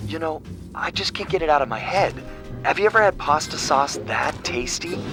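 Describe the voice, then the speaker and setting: A big, soft-hearted hippo from a video game, dreamy and wondering. His voice sits a little high. The clip sounds far off, with clear music behind. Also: animated, normal speed. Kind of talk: video game cutscene acting.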